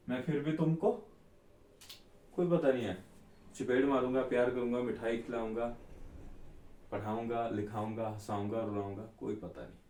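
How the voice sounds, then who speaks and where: A man teaching an Ayurveda class, explaining slowly and repeating the key terms. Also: medium pitch, mellow, distant mic. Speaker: Ayurveda tutor. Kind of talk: classroom lecture. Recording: echoey room, voice off-mic.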